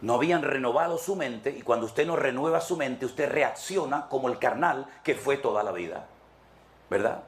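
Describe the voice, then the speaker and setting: A man's voice: mid-range voice, expressive, normal speed. A man preaching a sermon to his congregation as pastor, emphatic and repetitive, speaking to them directly.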